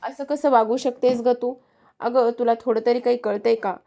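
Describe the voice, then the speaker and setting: A woman's voice: fairly high pitch, fairly even intonation, moderate pace, mellow, close to an everyday voice. A woman narrator voicing a confident young woman who scolds sharply and states what she saw. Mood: indignant.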